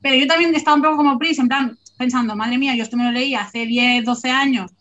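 A woman hosting a casual book club chat, talking in an animated, emphatic and playful way. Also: sits high, quick pace, dull audio.

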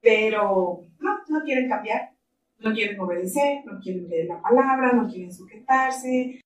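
A woman's voice: a little high, animated, measured pace. A middle-aged woman in ministry, telling stories animatedly in an interview and laughing often. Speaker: ministry leader. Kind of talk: interview conversation. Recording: roomy, distant mic, faint ambience.

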